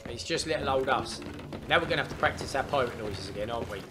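A man's voice: mid-range voice, expressive, fast talker, noisy background. A man hosting a casual game stream, coaxing and playful as he guides a child. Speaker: gaming channel host. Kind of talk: casual let's-play chat with a child.

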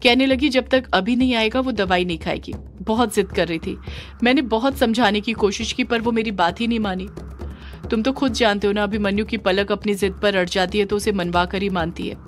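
A woman voicing a meek young woman who softly explains herself in an audio drama. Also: medium pitch, fairly quick, soft background music, natural voice. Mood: apologetic. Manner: soft, explaining.

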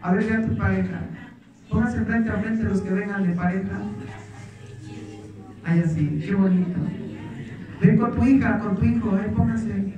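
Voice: medium pitch, a little slow, pauses often, recorded from a distance, dull audio, music in the background. A pastor preaching and leading a prayer at a church service, exhorting the congregation in a repetitive prayer cadence. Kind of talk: sermon and led prayer. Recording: echoey church hall, off-mic, congregation audible.

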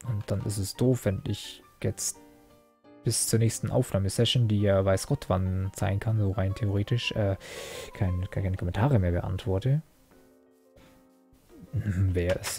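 Young male gaming host, casual self-mocking chatter, dark gravelly tone. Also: on the low side, steady tone, unhurried, soft background music. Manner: rambling, self-mocking, frequent fillers and restarts. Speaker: Let's Play host. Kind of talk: casual gameplay commentary.

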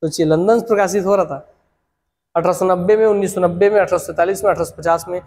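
A man's voice: high-pitched, steady tone, quick pace, darkish tone, long reverb tail. A man teaching an online exam-prep class, urging viewers on and repeating questions and answers.

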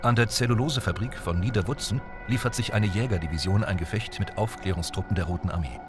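Low-voiced male documentary narrator. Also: over music. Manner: measured, even reading. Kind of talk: scripted narration. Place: voice-over booth. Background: documentary score.

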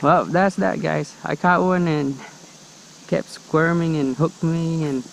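A laid-back man narrates his fishing trip to the camera, talking slowly in a slightly raised, gravelly voice. He laughs easily and swears in passing. The camera audio is loud with outdoor noise. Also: fairly high pitch, fairly even intonation, low-quality recording. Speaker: fishing vlogger. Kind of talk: casual running commentary to camera. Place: outdoors by the water while fishing.

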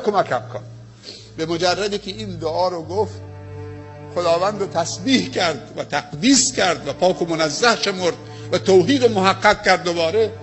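A high-voiced man with an Afghan Dari accent preaches, telling a story in a sermon. His delivery swings between loud, stirring exclamations and hushed, low phrases. Music plays clearly underneath his voice.

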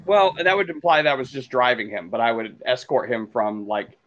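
This lo-fi clip features a podcast co-host with a mid-range voice talking fairly quickly in casual conversation. He rambles through tales of meeting people and plays out the quotes with animation.

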